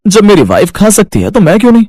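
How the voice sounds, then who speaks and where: A man voicing a supportive young husband in a cartoon, friendly and relaxed. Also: high-pitched, quick pace, no echo, clean studio sound, exaggerated voice. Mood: agreeable.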